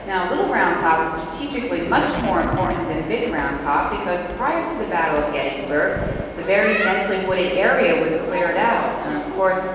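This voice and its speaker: A man leading a live guided tour, talking informally and asking the group questions, recorded on an old VHS home-video tape. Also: sits high. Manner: informal, asks the crowd questions. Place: large indoor exhibition hall. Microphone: camcorder mic at a distance. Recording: echoey hall, far off, audible hiss.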